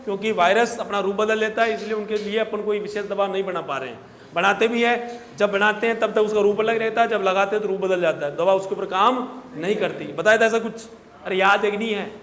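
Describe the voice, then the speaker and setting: A man's voice: high voice, fairly quick, a bit bright, slight background noise. A man teaching a veterinary class, quizzing and scolding his students as he lectures. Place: large echoey classroom. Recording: echoey hall, long reverb.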